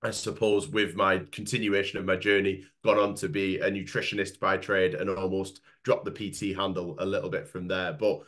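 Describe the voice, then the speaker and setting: A man's voice: low voice, little pitch movement, normal speed, hardly any pauses, fairly bright tone. A man in his late twenties with a nasal, congested voice, talking at length as a nutritionist guest in a webinar, with many fillers and restarts. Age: late 20s. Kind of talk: webinar talk.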